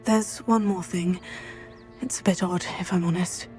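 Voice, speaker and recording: A brave teenage student witch voiced by a woman. She speaks calmly and politely, keeping her composure in the manner of video game dialogue. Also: fairly low pitch, unhurried, soft background music, natural voice. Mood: candid.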